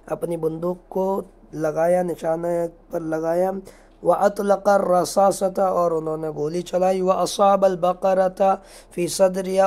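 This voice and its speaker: A male Arabic teacher giving a beginners' lesson, reading each phrase slowly and then explaining it. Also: high voice, a little mellow. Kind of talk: line-by-line reading and translation lesson.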